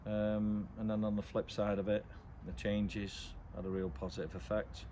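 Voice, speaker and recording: A middle-aged English man, a football manager, giving a blunt, measured post-match interview outdoors at night, with frequent ums. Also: on the low side, level tone. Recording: outdoor noise behind.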